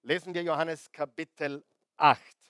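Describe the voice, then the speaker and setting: High-voiced, animated preaching man. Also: a little slow, dry recording. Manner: animated, asks the crowd questions, swings loud and soft. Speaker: pastor. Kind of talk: lively sermon to a congregation.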